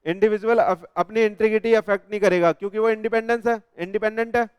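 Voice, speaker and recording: Man teaching a class, higher-pitched voice, smooth clear tone, dry close sound, keeps checking if students follow. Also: fairly even intonation, no room sound, highs cut off. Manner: talks straight to students, asks if they follow, reads definitions slowly. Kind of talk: classroom lecture.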